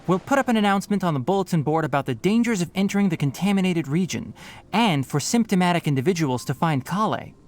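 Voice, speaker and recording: A man voicing a brisk, responsible young forest ranger in a fantasy video game, speaking in an articulate, matter-of-fact, instructive way. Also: high-pitched, lively intonation. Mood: composed, businesslike.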